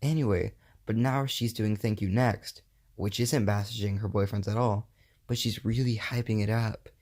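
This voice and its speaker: A man's voice: fairly low pitch, fairly even intonation, normal speed, a little mellow. A young man hosting a casual solo podcast, rambling and correcting himself with lots of fillers. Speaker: podcast host.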